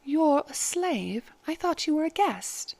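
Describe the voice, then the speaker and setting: Eine Frau als sanfte, förmliche Oberdienstmagd. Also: female voice, high-pitched, sing-song, slow, vocal fry, voice pushed up, full character voice. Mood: gentle. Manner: gentle, formal and soothing. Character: calm kindly female head maid, adult.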